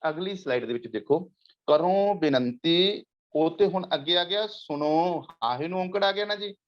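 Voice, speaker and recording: A man with a Punjabi accent giving a patient lecture, repeating words and chanting verses slowly. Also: on the high side, lo-fi sound. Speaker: teacher. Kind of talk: lecture on Gurbani grammar with slides.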